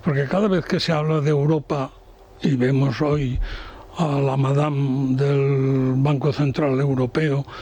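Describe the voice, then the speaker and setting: An older man with a Spanish accent, an economics commentator on a radio panel, talking in a slow, halting, professorial way with many restarts. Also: medium pitch, fairly even intonation, warm tone.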